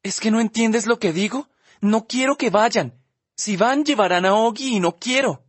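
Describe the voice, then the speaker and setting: A man's voice: moderate pace, no echo. Man doing a tearful teenage girl. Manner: raised girlish pitch, sobbing and pleading. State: crying. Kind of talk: audiobook character voice.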